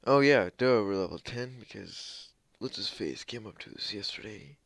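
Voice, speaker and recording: A man's voice: on the low side, expressive, normal speed, gravelly, no room sound. A man hosting a video game let's play, rambling casually and joking with viewers. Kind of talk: casual gameplay commentary.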